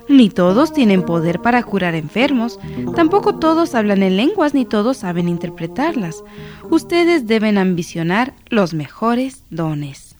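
Expressive woman reading a devotional story. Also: medium pitch. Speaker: narrator.

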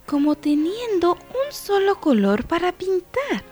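A woman voicing a young girl who is upset that she lacks musical talent, with a high, pleading voice. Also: very animated, slow, darkish tone, soft background music, full character voice. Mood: resolved.

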